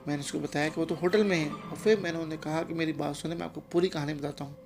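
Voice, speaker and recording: Guy telling a scary story, gravelly voice, flat delivery, music bed behind. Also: a little high. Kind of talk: first-person horror story narration.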